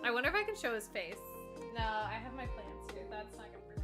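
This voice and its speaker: A woman's voice: a little high, big pitch swings, fast talker, over music. A young woman streaming from home at a desk mic, chatting casually, laughing often and cooing praise at her dog. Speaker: live streamer.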